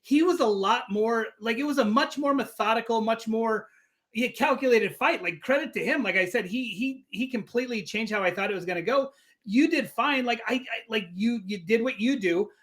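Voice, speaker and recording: A man's voice: very high-pitched, normal speed, fairly bright tone. A man hosting a casual interview, chatty and rambling, full of "like" and restarts. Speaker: interview host.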